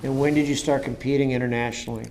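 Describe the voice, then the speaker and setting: An interviewer and coach talks conversationally with real enthusiasm, often halting and repeating words for emphasis. His mid-range voice is a little mellow and fairly even in intonation. The recording is rough, with some hiss or hum.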